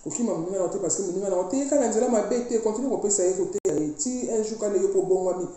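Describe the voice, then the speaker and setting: A woman preaches rapid-fire as a priestess, spiritually exhorting her online followers with emphatic insistence and freely mixed languages. Her voice is mid-range and mellow, captured in a very echoey room.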